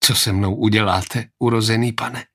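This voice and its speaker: A man's voice: lowish voice, fairly even intonation, fairly bright tone. A man reading an audiobook, voicing a frightened young male servant who pleads in a shaky voice. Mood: meek.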